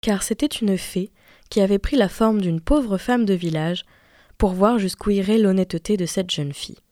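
A woman reads a classic fairy tale aloud with expressive storytelling. Her voice is mellow and warm, and the recording is dry and close, with no room sound. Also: medium pitch, moderate pace, no echo. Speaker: reader.

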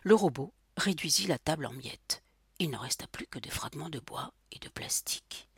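A woman narrating a story as an audiobook, with steady, measured delivery. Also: low-pitched, husky, no room sound, in a whisper, clean studio sound.

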